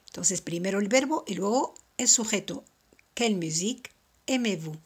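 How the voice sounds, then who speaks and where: A woman teaching a French lesson, explaining step by step and repeating each example slowly. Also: mid-range voice, expressive, breathy edge. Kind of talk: slow, careful language lesson.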